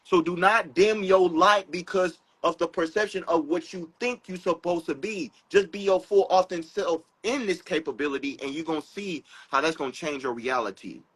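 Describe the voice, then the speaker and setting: A man giving an animated, preachy spiritual talk, breaking into quotes and rap lines. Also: a little high, moderate pace, hardly any pauses, breathy edge, rough recording. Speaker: spiritual speaker. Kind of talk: casual live talk.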